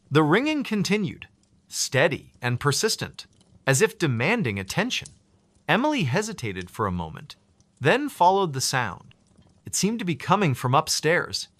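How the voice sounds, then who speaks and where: A man reads a scary bedtime tale with dramatic, suspenseful pacing. His pitch swings widely and his tone is bright and forceful. The sound is dry and close, with no room around it. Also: no room sound. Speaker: narrator. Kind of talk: scripted horror story narration.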